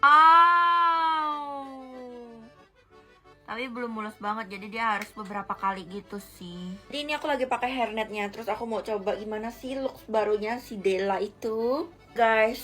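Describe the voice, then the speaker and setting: A woman's voice: medium pitch, fast talker, few pauses, soft background music. A woman chatting casually to viewers while restyling a doll's hair. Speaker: doll video creator. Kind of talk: casual doll makeover narration.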